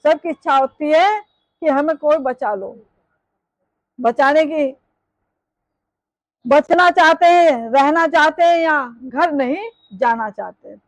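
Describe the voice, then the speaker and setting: A woman preacher with a high voice leads a devotional discourse. She draws out slow sung verses and repeats each one, then slips into rapid spoken explanation. The sound is close and dry, with no room echo.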